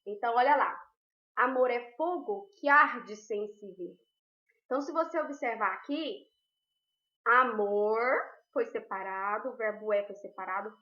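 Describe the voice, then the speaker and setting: A woman's voice: sits high, bright, forceful tone. Woman teacher, roomy lo-fi sound. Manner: patient, explains step by step, checks in often. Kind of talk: recorded online class. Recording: roomy, dull lo-fi.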